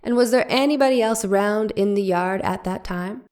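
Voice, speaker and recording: In a dramatic reading of a trial transcript, a woman voices a probing 1890s defense attorney, cross-examining a witness with pressing, leading questions. Her mid-range voice moves at a moderate pace, a little mellow and close to how she'd normally speak.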